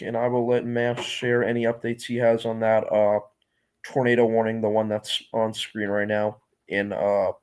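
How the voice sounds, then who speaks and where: Male livestream weather host, mid-pitched, unscripted storm-tracking commentary, instructive and repetitive.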